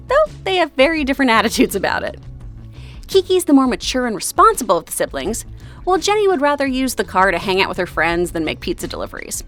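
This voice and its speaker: Texan lady w a twang doing a chatty explainer video, high voice that bounces around a lot, music behind. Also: fairly bright tone. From Texas, USA. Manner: chatty, playful. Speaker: video host. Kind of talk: scripted explainer narration with casual asides.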